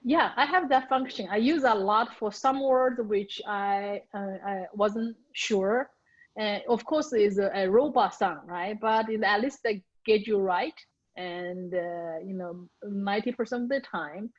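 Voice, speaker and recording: A woman's voice: mid-range voice, unhurried, lo-fi sound. A woman who learned English as a second language, an author carefully practicing the pronunciation of hard words with her coach. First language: not English. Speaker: author learning audiobook narration. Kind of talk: recorded coaching session.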